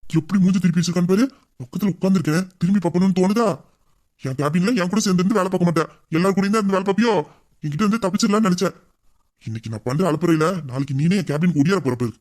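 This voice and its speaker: A man's voice: high-pitched, racing, darkish tone. A man playing a flirtatious male boss who teases a staff member in a Tamil audio drama. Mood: teasing. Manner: teasing, playful and bossy. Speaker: boss voicing a romantic male lead.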